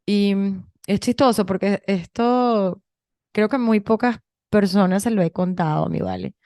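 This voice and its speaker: A woman in her thirties from Venezuela with a Venezuelan Spanish accent, co-hosting a podcast and telling stories in a chatty, animated way with many restarts. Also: medium pitch, a little slow, no room sound, studio quality. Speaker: podcast co-host. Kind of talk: casual conversation.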